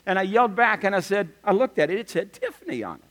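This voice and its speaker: A middle-aged male pastor delivering a sermon with a fairly high voice, moving between earnest teaching and humorous storytelling. His words ring out with a long reverb, as in a large church sanctuary. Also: fast talker. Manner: animated storytelling with humorous asides.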